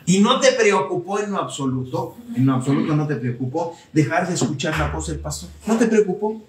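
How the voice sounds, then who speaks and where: A man's voice: fairly high pitch, animated, fairly quick, recorded from a distance, slight background noise. A man preaching to a live audience, calling on them to answer and repeating phrases for emphasis. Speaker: teacher of a Torah study talk. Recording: echoey room, speaker away from mic, audience present.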